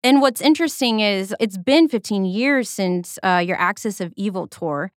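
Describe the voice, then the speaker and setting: A woman interviewing a guest, asking measured, conversational questions. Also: mid-range voice, dry recording, studio quality.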